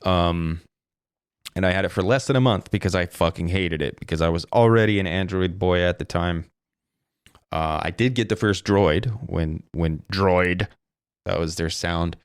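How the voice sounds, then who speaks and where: A man hosts a solo podcast in a casual, rambling way, swearing and self-correcting as he talks. His low, clear, resonant voice moves at a moderate pace, and the desk mic through a streaming interface yields a dry, clean studio sound.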